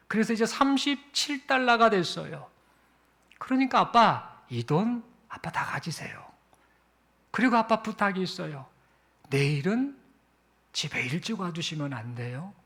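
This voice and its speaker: An earnest little boy, as a male preacher puts him on, speaking slowly and in a hushed, pleading way. The voice sits high and swings up and down, with a slight gravel underneath. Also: full character voice. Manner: slow, hushed, pleading delivery.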